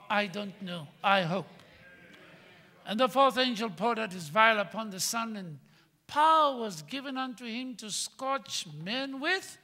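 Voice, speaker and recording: An older man preaching a sermon from a church pulpit, swinging between loud emphatic bursts and quiet asides. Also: sits high. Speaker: pastor. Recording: long hall reverb.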